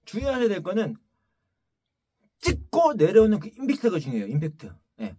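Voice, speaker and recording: A man teaching a Korean wind instrument in a practice room, repeating key words and breaking into loud demonstration shouts. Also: sits high, wildly swooping pitch, moderate pace, husky. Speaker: taepyeongso teacher. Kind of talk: instructional video lesson.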